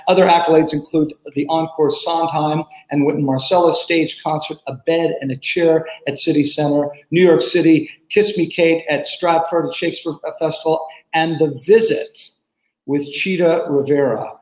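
A man's voice: fairly high pitch, steady tone, normal speed, a little mellow. An older man hosting a video interview show, upbeat and effusive, often repeating his words as he asks questions. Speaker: show host. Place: small studio set indoors. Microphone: studio microphone close up. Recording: roomy echo.

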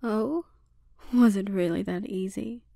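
A woman playing a menacing, condescending, dominant witch in a breathy, often whispered ASMR roleplay. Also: mid-range voice, mellow, no echo, clean studio sound. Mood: smug, indulgent. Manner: slow, deliberate, condescending.

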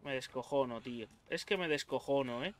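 A young man from Spain, a gaming YouTuber, commentates on a horror game in a medium-pitched, slightly fast voice. He's jumpy, swears a lot, and yelps or yells when startled, with a little hiss or hum on the recording.

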